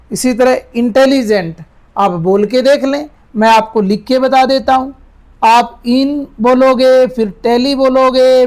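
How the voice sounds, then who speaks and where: Male teacher, high voice, slow deliberate delivery, repeats sentences word by word, classroom grammar lesson. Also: a little mellow. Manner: explains step by step, slowly repeating sentences word by word; calls students "beta", asks checking questions.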